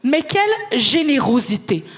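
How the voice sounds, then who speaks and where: A woman's voice: high voice, measured pace. A young woman with a Quebec French accent, telling a story as a stand-up comedian on a club stage and acting out the voices in it. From Montreal. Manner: lively storyteller, acts out quoted voices. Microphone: handheld stage mic.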